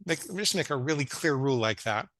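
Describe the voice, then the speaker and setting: A man's voice: mid-range voice, expressive, fairly quick, a bit bright, no room sound. A man in his fifties, a psychologist guest telling his story in casual interview chat, earnest, with stammered restarts. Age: 50s.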